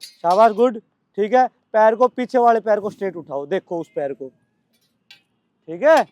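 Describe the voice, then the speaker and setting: A male coach with a Delhi Hindi accent calling brisk commands and scolding his trainees at practice. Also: high-pitched, expressive, darkish tone, no echo, lo-fi sound.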